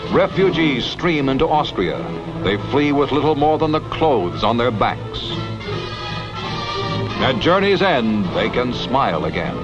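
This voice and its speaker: Dramatic old newsreel announcer, man. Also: medium pitch. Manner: dramatic, emphatic announcer delivery. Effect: old newsreel sound. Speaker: newsreel narrator. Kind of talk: scripted newsreel narration. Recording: dull lo-fi vintage newsreel audio with music. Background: music.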